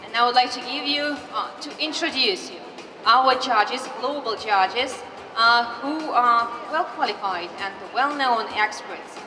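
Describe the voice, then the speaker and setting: High-voiced Russian-accented woman, echoey hall. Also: slow pace, far from the mic. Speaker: ceremony co-host and interpreter. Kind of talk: formal stage announcing in English. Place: large exhibition hall stage. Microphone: handheld microphone through PA. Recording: echoey hall PA, music and crowd. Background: music and crowd.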